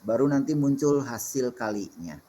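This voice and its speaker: A man's voice: mid-range voice, expressive, moderate pace, warm tone, slight background noise. A middle-aged male lecturer takes questions from his class. He explains patiently and methodically, walking through small worked examples one step at a time. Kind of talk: classroom Q&A on assembly programming.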